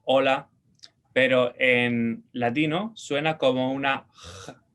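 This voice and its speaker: A man's voice: mid-range voice, steady tone, a bit bright. Spanish-man teaching a language lesson. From Spain. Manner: patient, repeats words slowly for pronunciation; checks in with short questions.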